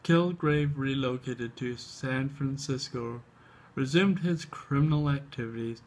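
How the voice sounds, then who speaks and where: A man hosting a comic book show, reading aloud haltingly with casual asides, his speech slightly tripped up by an overbite. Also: mid-range voice, darkish tone, rough recording. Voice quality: slight speech impediment from an overbite, tongue flicking at upper lip. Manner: halting reading, stumbles and repeats words.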